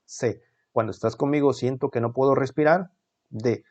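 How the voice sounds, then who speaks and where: A man's voice: mid-range voice, normal speed, a little mellow, dull audio. A male teacher, walking students through exam answers in a conversational way that keeps checking in with them.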